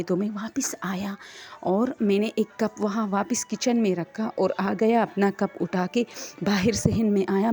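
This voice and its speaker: Mellow-voiced woman hesitantly narrating horror. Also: medium pitch. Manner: hesitant, many fillers and restarts. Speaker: storyteller. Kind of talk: first-person horror story narration.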